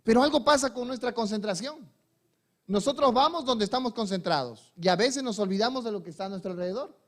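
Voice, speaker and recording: Sitting high in pitch, a male pastor's sermon alternates between soft, slow delivery and loud emphasis. Throughout, he asks the congregation questions and then answers them himself.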